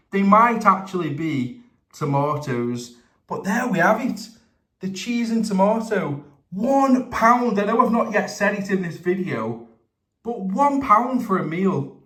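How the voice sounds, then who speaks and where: A man giving a casual food review to camera as the host, with drawn-out, emphatic presenter phrasing. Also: high-pitched, a bit bright. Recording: roomy, echoey indoor sound.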